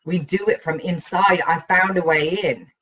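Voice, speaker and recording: A woman playing a grave, withdrawn boy who speaks with quiet, stubborn intensity. The voice moves lively up and down and has a faint breathiness, as in a storybook read aloud. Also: moderate pace, husky, far from the mic, exaggerated voice. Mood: intense. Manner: low-key, intense, withdrawn.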